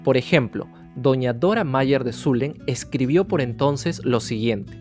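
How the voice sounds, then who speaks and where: A man's voice: medium pitch, a little slow, a little mellow. A man narrating an educational history video, telling the story directly to the viewer. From Peru. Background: guitar music.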